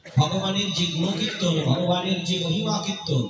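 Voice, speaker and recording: A man delivers a devotional sermon, building rhythmic lists of phrases and sometimes breaking into song. His voice sits fairly high. It rings through a big echoing hall, heard from some distance off the mic. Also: moderate pace, over a noisy crowd. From Bangladesh. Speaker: Bhagavata preacher.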